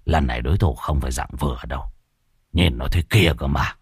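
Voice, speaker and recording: A man's voice: rumbling low, a little fast, slightly rough, pitched below the performer's own voice, exaggerated voice. A man voicing a frightened middle-aged exorcist who whispers his warnings. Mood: scared. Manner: hushed, whispering.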